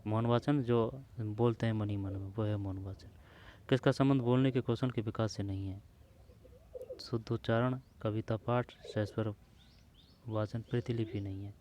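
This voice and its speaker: A man's voice: on the low side, steady tone, normal speed, dark tone, slight background noise. A man working through old exam questions aloud, speaking informally to the listener and repeating the answer options as he checks them. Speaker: exam prep teacher.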